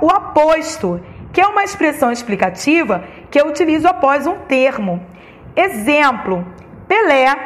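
A woman teacher with a Brazilian Portuguese accent, giving a recorded lesson and explaining step by step, naming each comma aloud. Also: high voice.

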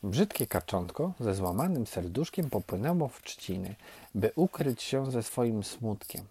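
A man telling a fairy tale in a gentle, expressive way. His voice is mellow and soft. The pitch rises and falls with lively movement. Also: slightly rough, dry recording. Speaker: storyteller.

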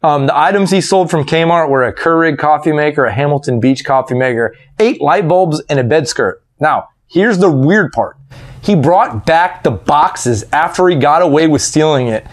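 A man's voice: on the high side, animated, moderate pace. A man hosting a podcast, reading odd news stories in a casual, incredulous, profane way.

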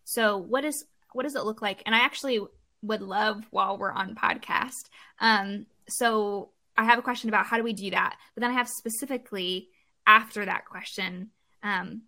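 A woman's voice: mid-range voice, moderate pace, pushed and bright. A woman hosting a podcast, asking long, chatty, rambling questions and giving frequent affirmations. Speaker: podcast host. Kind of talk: conversational podcast interview.

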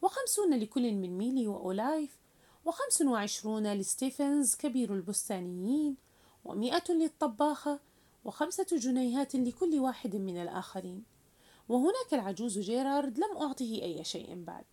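A woman tells a novel's story aloud with a lively, rising and falling voice. Her tone is mellow and somewhat high. She narrates in an expressive storytelling manner. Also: a little fast.

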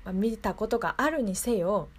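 Speaking at a normal speed with an expressive, medium-pitched voice and a breathy edge, a local radio host chats politely with her audience from the studio. She's conversational and frequently looks for her listeners to agree with her.

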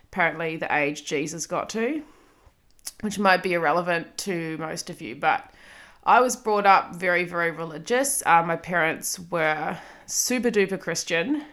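A New Zealand-accented woman in her thirties talks at a moderate pace in a lowish, slightly bright voice while hosting a solo podcast. Chatty and self-deprecating, she fills her speech with ums and small laughs.

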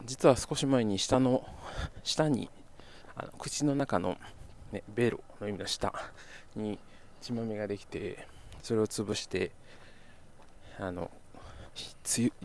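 Young guy from kyoto hosting his podcast, faint kansai lilt, rambly, kinda low. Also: measured pace, pauses often, slight background noise. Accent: slight Kansai intonation. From Kyoto, Japan. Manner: rambling, self-correcting, chuckles often. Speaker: podcast host. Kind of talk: casual solo podcast chat.

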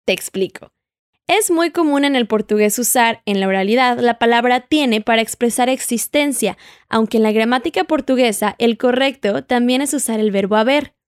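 A woman's voice: a little high, moderate pace, smooth, no echo, clean studio sound. Patient woman teaching Portuguese. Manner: patient, prompts the listener to repeat and answer. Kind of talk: audio language lesson.

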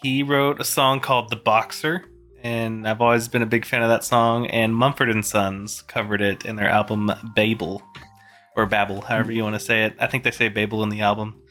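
A man chatting casually as a guest on a podcast about cover songs, easygoing and quick to laugh. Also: on the low side, flat delivery, fairly bright tone, faint music behind. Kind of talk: casual chat.

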